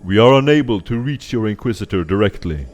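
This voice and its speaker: A man voicing a towering alien creature with a loud, booming, commanding voice. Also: expressive, brisk, faint music behind, lightly acted.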